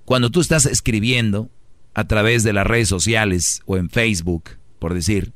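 A man's voice: fairly low pitch, normal speed, a bit bright, dry recording. A man hosting a talk show, giving opinionated commentary full of rhetorical questions and acted-out quotes.

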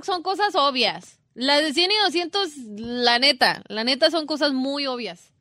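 A woman's voice: high-pitched, expressive, a little slow, bright, forceful tone, no echo, clean studio sound. A woman, co-hosting a radio quiz show with playful banter. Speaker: radio co-host.

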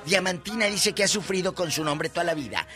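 A man's voice: sits high, lively intonation, a little fast, bright, forceful tone, soft background music. Playful Mexican radio co-host man. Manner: playful, acts out voices in anecdotes. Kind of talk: comic radio banter.

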